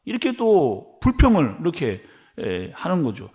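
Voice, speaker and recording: A man's voice: on the high side, a little slow. A man pastor preaching an early-morning sermon, acting out complaints and rising to emphatic peaks. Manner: expressive preaching, acts out quoted complaints. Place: church sanctuary.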